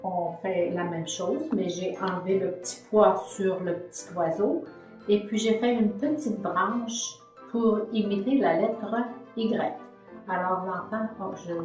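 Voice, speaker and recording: Woman, reading-method author, patient teacher tone, roomy sound with faint music underneath. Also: mid-range voice. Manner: gentle, patient teacher tone with many fillers.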